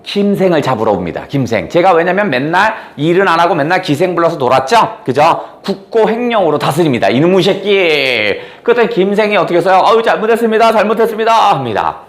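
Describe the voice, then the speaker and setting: A man's voice: fairly high pitch, very animated, a little fast, few pauses. A man teaching a classroom lesson, retelling a story in a playful, casual way, acting out the quotes and teasing his students. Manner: playful, acts out quotes, teases students with mild swearing.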